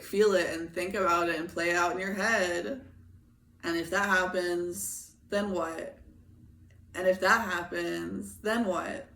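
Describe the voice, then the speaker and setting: A woman giving a casual tarot reading in a gentle, reflective way, with her morning voice. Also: on the low side, gravelly, echoey room. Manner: gentle, reflective, reads card meanings aloud. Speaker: tarot reader.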